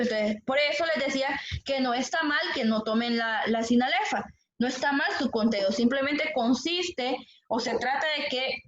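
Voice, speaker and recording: A woman teaches her class about poetic meter in a high voice, patiently asking questions and repeating answers. Sound quality is dull and lo-fi, with classroom echo.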